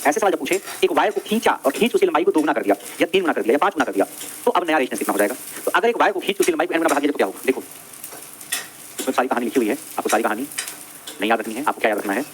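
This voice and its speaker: A man teaching at a breakneck clip in a slightly high voice, drilling exam points over and over and firing questions at his class. A faint hum of background noise sits under the lecture. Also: very animated, a bit bright. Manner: repeats each definition several times and quizzes the class; brisk, drilling, addresses students directly. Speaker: electrical trade teacher.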